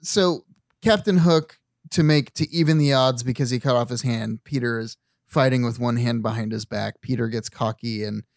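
A man's voice: mid-range voice, normal speed, no echo, studio quality. A man co-hosting a casual podcast chat, easygoing, recapping the plot and laughing along. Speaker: podcast co-host.

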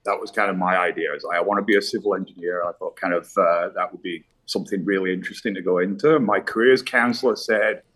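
Relaxed Yorkshire man, low voice. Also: fast, few pauses. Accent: Yorkshire English. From Leeds, West Yorkshire, England. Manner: chatty, self-deprecating, laughs easily. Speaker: pipe maker guest. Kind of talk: casual interview chat.

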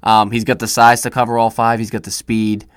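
Young dude talking nba awards, mid voice, dead dry mic, keeps saying you know what i mean. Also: male voice, medium pitch, flat delivery, brisk, smooth, no room sound. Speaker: podcast co-host. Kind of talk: casual sports chat.

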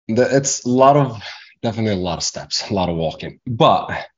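A young man from Morocco speaks in a very deep voice, English being his second language. He rambles through his answers with frequent fillers and false starts. The recording is a little dull and lo-fi. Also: expressive, fairly quick, husky. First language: not English. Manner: rambling, many restarts and fillers. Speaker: guest entrepreneur. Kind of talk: casual interview talk.

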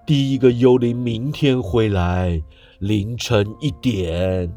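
Slow, solemn ghost dragging his chains, voiced by a man for a storybook reading. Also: fairly low pitch, dark tone, faint music behind. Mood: lamenting. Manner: slow, drawn-out, heavy delivery.

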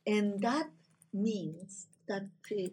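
A native Spanish-speaking woman with a Latin American accent discusses ideas in halting non-native English with a husky voice, searching for words. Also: mid-range voice, animated, a little mellow. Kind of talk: spoken discussion.

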